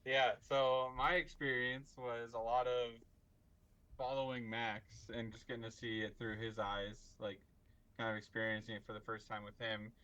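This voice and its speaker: A man co-hosting a podcast, chatting casually and haltingly with lots of likes and restarts. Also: mid-range voice, level tone, pushed and bright, clean tone. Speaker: podcast co-host. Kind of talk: casual sports chat. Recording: dull lo-fi recording.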